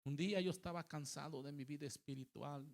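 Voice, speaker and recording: A middle-aged man preaching a sermon at a church service. He tells a story dramatically, moving from loud emphatic calls to quiet recounting. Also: on the high side, a little fast. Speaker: pastor. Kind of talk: Spanish-language sermon with storytelling.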